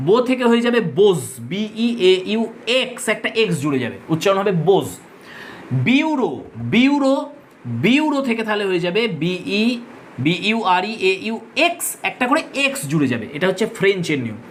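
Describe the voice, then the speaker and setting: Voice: mid-range voice, sing-song, fast, slight background noise. A teacher giving an exam-prep grammar lesson, repeating rules drill-style, spelling words out letter by letter and correcting pronunciation. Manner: addresses students directly and corrects pronunciation.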